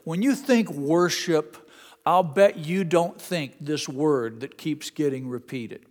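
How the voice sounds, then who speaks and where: Preaching in a church sanctuary, this man sounds slightly mellow, his pitch on the high side and his pace slow. He has an Indiana accent and addresses his congregation earnestly and conversationally, with folksy asides, while the hall adds long reverb.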